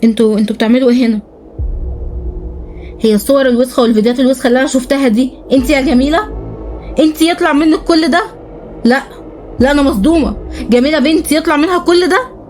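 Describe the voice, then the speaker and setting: A woman with an Egyptian accent voicing an outraged middle-aged mother who scolds fast. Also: close to an everyday voice. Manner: scolding, high-pitched and fast. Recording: voice over loud background music.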